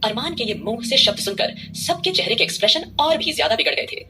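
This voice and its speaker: A woman's voice: on the high side, noisy background. A woman narrating a dramatic audio story, reading expressively. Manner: expressive, fast-paced reading.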